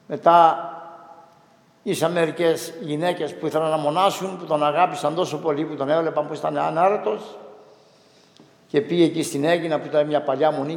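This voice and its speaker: A middle-aged male priest telling a story in a slow, emphatic sermon style, acting out the dialogue as he goes. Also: a little high. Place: church. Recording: echoey church with long reverb.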